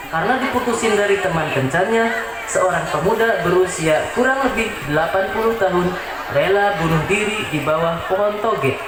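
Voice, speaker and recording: Guy w doing joke news, mock-serious, echoey with loud crowd noise behind. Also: sits high. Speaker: parody news anchor. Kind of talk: comic mock news reading.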